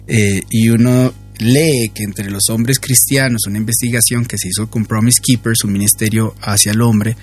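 A young man hosts a talk show in a husky voice. He listens attentively, dropping frequent short affirmations, while faint music runs underneath. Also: lowish voice, steady tone, moderate pace, hardly any pauses. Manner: attentive, with frequent back-channel sounds. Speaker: co-host. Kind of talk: podcast interview hosting.

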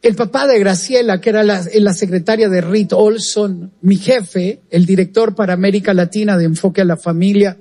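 Male presenter, high husky voice; earnest, animated testimony storytelling. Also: moderate pace, few pauses. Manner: earnest, animated retelling with direct asides to the listener. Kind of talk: storytelling testimony on a radio program.

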